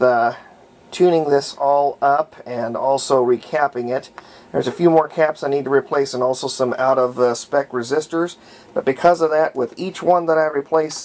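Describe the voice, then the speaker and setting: Here a man who repairs radios as a hobby narrates his work at a home workbench, musing aloud in an easygoing, folksy manner without rushing. His voice is average in pitch, somewhat mellow and marked by clear vocal fry. The recording has a faint background hum of the home workshop.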